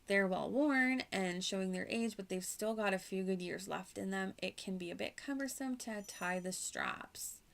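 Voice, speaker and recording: Over background music, a woman livestreams a video game with casual, playful, gushing commentary. Her mid-range voice has vocal fry, and she talks at a moderate pace with hardly any pauses.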